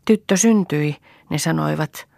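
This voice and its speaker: A woman's voice: sits low, gravelly, no echo, clean studio sound, pitched above the performer's own voice. A woman doing an eager chattering little girl. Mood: excited. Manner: excited, breathless questions.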